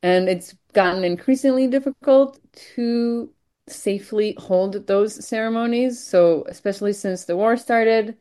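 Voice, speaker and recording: A woman born and raised in Israel gives casual interview answers as an event organizer. Her voice is medium-pitched and dark in tone, her pace a little slow, and she speaks earnestly with frequent fillers.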